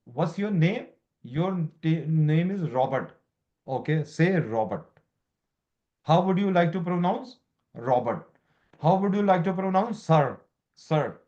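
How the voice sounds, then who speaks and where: In an informal lecture, a man with a fairly high but dark-toned voice tutors a female student for a law exam, repeating key terms and quizzing her in broken English. The audio sounds dull.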